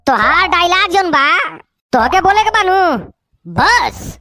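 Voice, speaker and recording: A woman voicing squeaky quarrelsome Bhojpuri village cartoon men. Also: big pitch swings, takes it slowly, sharp tone, no room sound, clean studio sound, full character voice. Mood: bickering. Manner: teasing, quarrelsome banter with stammers. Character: bickering village men and a film director. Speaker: cartoon voice actor. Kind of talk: village comedy cartoon dialogue.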